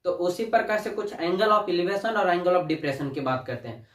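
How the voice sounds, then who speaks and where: Male teacher, higher voice, talks to students as kids, recorded off-mic in an echoey room. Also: animated, a little slow, a bit bright, distant mic. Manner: addresses students as "बच्चा", asks and answers own questions. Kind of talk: classroom lesson.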